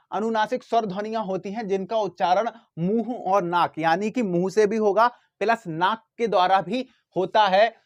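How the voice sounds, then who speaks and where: Man teaching, quizzing and answering himself. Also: sits high. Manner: asks questions and answers them himself; repeats words and sounds slowly to demonstrate. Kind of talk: classroom lesson.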